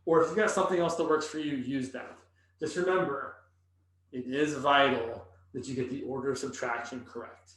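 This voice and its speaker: A man's voice: mid-range voice, fairly even intonation, normal speed, a bit bright. A man teaching calculus in a lecture, thinking aloud as he writes on the board. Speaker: math instructor. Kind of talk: recorded classroom lecture. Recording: echoey room, voice from a distance.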